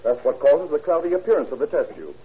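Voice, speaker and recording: An actor in an old-time radio drama plays an unhurried, careful male police lab chemist who explains things deliberately, with hesitant murmurs along the way. His voice is slightly high, expressive, and a bit rough, and his mood is careful and explanatory. The vintage recording sounds dull and noisy.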